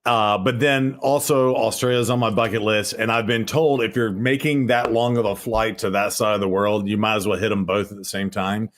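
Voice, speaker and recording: A man's voice: on the low side, steady tone, normal speed, hardly any pauses. A man guest on a casual stream, answering in an upbeat, joking way. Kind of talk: casual chat.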